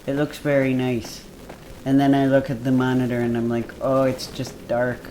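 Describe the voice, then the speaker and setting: A man co-hosting a let's play, chatting casually and relaxed while the game runs. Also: medium pitch, normal speed, poor audio. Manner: relaxed, chatty, trailing off with fillers. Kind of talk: casual gameplay chat. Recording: loud background noise.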